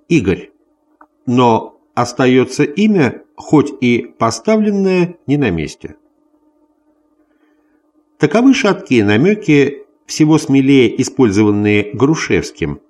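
A man reading a scholarly history text aloud as scripted narration, in a deliberate, bookish manner. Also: medium pitch, darkish tone. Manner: deliberate, announces notes and quotations aloud. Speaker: audiobook reader of a history text.

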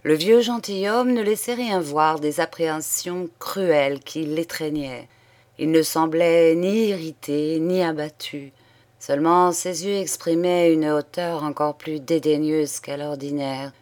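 A woman narrates a classic novel with a low voice. Her reading is steady and deliberate. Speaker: audiobook narrator. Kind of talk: literary audiobook narration.

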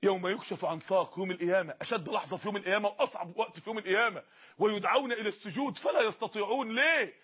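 Male preacher, Egyptian Arabic accent, rapid-fire and high-pitched, husky, dull lo-fi recording. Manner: impassioned, pleading, rapid. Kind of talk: fiery Egyptian sermon.

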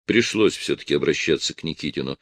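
A man giving an expressive first-person audiobook narration. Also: rumbling low, fast, no room sound.

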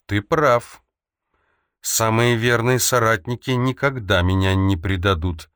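A man's voice: lowish voice, steady tone, a little slow, a bit bright, smooth, no room sound, clean studio sound. A man reading the lines of a composed, guarded middle-aged woman who keeps her feelings hidden. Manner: composed, impassive.

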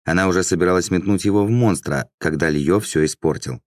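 A man with an extremely deep, low voice narrates a fantasy audiobook. His delivery is measured and even. The sound is close and dry, with no room echo.

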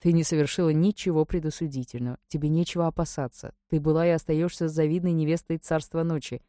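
Woman doing a cold stern lord, low dark curt voice, dry sound. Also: steady tone, fast, no room sound, close to an everyday voice. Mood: cool. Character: cold stern male ruler, unyielding.

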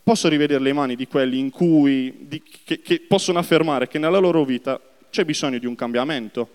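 A man's voice: on the high side, a little fast, clean tone. A man preaching a sermon to a congregation, speaking directly to them and asking them to respond. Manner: lively, addresses the congregation directly. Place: church hall. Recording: long reverb of a church hall.

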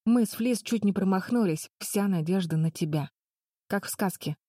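A woman's voice: mid-range voice, moderate pace, warm tone, no echo, studio quality, close to an everyday voice. A woman voicing Betty, a determined eldest sister who urges the others firmly. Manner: firm, urging, through clenched teeth.

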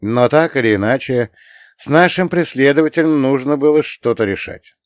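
A man's voice: medium pitch, normal speed, no echo. Wry male audiobook narrator, dry sound. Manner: wry, conversational, with occasional swearing. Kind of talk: first-person fantasy audiobook narration.

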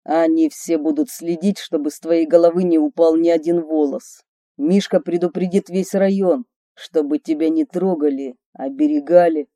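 A woman reading a boastful but tender male gang leader in slow, earnest, confiding tones. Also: sits low, steady tone, dark tone, no room sound, studio quality, voice pushed down, natural voice.

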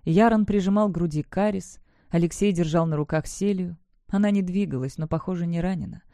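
An audiobook reader giving dramatic, expressive first-person narration of a fantasy novel. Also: medium pitch, a little fast, dry recording, clean studio sound.

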